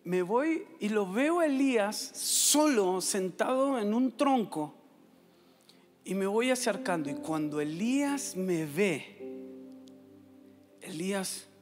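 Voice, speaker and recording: A man with an Argentine accent, preaching a sermon as a story and acting out the dialogue with lively shifts. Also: high-pitched, slow pace, in a large hall, soft background music. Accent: Argentine Spanish. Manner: animated, acts out dialogue. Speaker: pastor.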